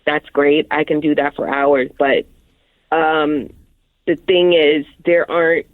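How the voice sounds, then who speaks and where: A woman speaking over a phone line as a guest on a radio show, talking in a hesitant, halting way with frequent restarts. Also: deep voice, level tone, no echo. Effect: heard over a phone line. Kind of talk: casual phone conversation.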